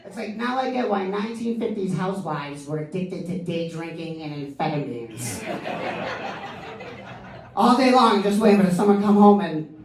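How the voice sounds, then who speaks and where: A man's voice: sits high, expressive, moderate pace, echoey room, distant mic, very noisy. A man with a Boston accent doing a stand-up comedy set, chatty and full of "you know" and "like". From East Boston, US. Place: comedy club stage.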